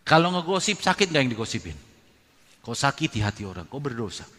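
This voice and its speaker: A pastor preaching a sermon, swinging from loud emphatic bursts to low murmured asides as he addresses his congregation. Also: sing-song, fairly quick. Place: church hall. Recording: long reverb of a large hall.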